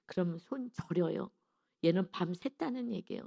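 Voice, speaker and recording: A woman giving an early morning sermon, telling a personal story with lively storytelling and acting out her own prayers. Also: on the low side, moderate pace, gravelly, lo-fi sound. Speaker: preacher.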